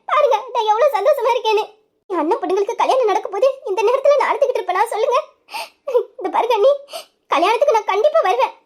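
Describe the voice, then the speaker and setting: A high young voice playing a grieving young wife who blames herself over her brother, in a tearful, pleading manner. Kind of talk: Tamil family-serial storytelling.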